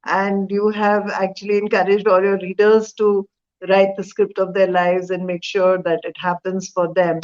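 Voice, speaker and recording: A woman's voice: mid-range voice, little pitch movement, normal speed, darkish tone. Woman, interview host, friendly and coaxing, muffled lo-fi recording. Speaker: host, life coach. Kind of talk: casual interview chat. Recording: dull lo-fi sound.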